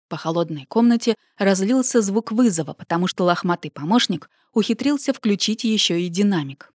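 A woman narrating a first-person audiobook with an expressive, emotional reading. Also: medium pitch, no room sound, studio quality.

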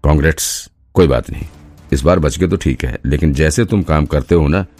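A man's voice: a bass voice, normal speed, a little mellow, faint music behind. A man voicing a jealous male police officer in an audiobook, sneering with sarcastic jabs at a rival. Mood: mocking.

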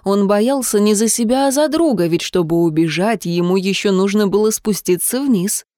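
A woman reading a story aloud as an audiobook narrator, in a tense, measured manner. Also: mid-range voice, mellow, no room sound, clean studio sound. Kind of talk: scripted narration.

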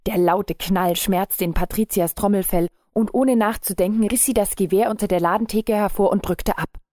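A woman narrating an audiobook in a calm, measured read. Her voice is mellow and dark, at an ordinary pitch for a woman. The recording is close and dry. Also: dry recording.

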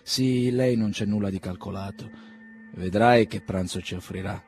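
A man reads the part of a curt young skeptic who cuts people off and waves away fuss. The voice is low and plain, a storybook reading with faint music underneath. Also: normal speed, darkish tone, close to an everyday voice. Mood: brusque. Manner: curt, dismissive. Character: blunt, impatient young man, a nihilist student.

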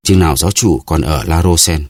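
A hot-headed young musketeer, voiced by a male narrator in a storybook reading. His low voice presses forward with urgent passion. The recording is close and dry. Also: fast talker, a little mellow, no room sound. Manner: impassioned, urgent.

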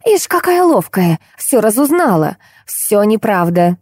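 Woman doing a cross middle-aged woman, shrill, accusing, mellow dark tone, dry close sound. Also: moderate pace, dry recording, close to an everyday voice. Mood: angry. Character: rude irritable middle-aged woman artist.

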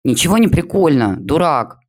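A tearful schoolgirl in full hysterics, as a male narrator puts her on, her voice pushed high and loud. She wails and sobs through every complaint in a storybook reading. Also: very animated, moderate pace, no echo, studio quality. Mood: hysterical. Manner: sobbing, shrill wailing.

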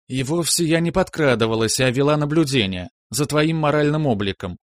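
A man's voice: on the high side, animated, a little fast, no echo, pitched above the performer's own voice, close to an everyday voice. Rita, a teasing young wife, voiced by a man. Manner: playful, mock-stern, decisive.

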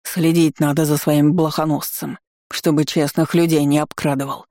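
A narrator voicing a burly, angry male market trader who speaks in a gruff, scolding, threatening way. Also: mid-range voice, flat delivery, normal speed, mellow, no echo, clean studio sound, close to an everyday voice. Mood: grumbling.

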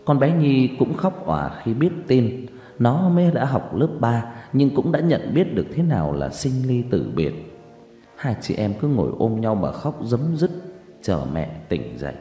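A man's voice: mid-range voice, sing-song, unhurried, warm tone. A man narrating a sad first-person story in a mournful, dramatic way, recorded with long echoing reverb over faint music.

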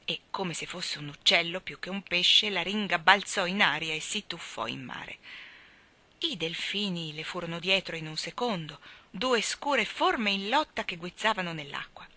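A woman giving an expressive reading of a children's book in an animated storyteller's way. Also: lowish voice, normal speed.

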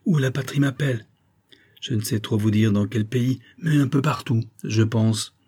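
A man reading an audiobook, voicing a cheerful, excitable one-armed worker who talks eagerly. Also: medium pitch, moderate pace, husky, natural voice. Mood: earnest. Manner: exuberant, cheerful, talkative. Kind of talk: audiobook character voice.

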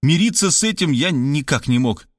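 A man reading an audiobook aloud, narrating in the first person in a steady storytelling way. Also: fairly high pitch, moderate pace, dry recording, studio quality.

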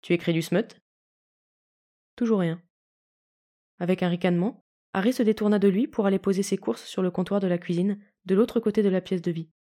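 A woman reading a fanfiction story aloud in calm, even audiobook narration. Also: medium pitch, brisk. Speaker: fanfiction reader.

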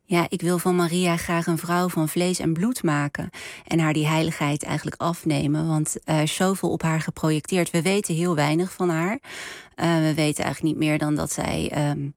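Brief: female author, lowish voice, slow measured reading, dry close sound. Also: level tone, no room sound. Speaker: author reading from her novel. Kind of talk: literary reading and interview.

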